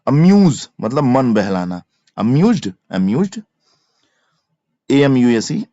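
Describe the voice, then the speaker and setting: Very animated yet slow, this medium-pitched, dark-toned man speaks with a Hindi accent while teaching exam-prep grammar. He spells out words letter by letter and repeats each verb form, recorded on a dry, slightly dull lo-fi mic with no room sound.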